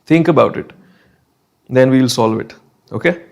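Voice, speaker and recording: Indian male online chemistry teacher, medium pitch. Reassuring, conversational with students, drops Hindi phrases into English. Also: a little slow, vocal fry, darkish tone. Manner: encouraging, reassuring, often checking in with "okay". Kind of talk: live online lesson, talking to students in chat.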